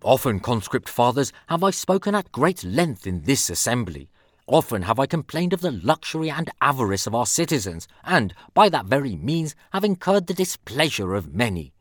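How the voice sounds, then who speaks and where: A man's voice: medium pitch, big pitch swings, normal speed, dry recording, studio quality. A man reading aloud as a stern Roman senator, declaiming a speech against traitors with grave, sweeping rhetorical emphasis.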